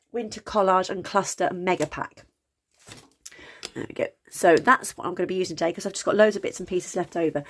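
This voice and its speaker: A woman who hosts a crafting channel talks casually through a craft tutorial in a slightly croaky, medium-pitched voice. She fills her speech with plenty of ums and keeps correcting herself.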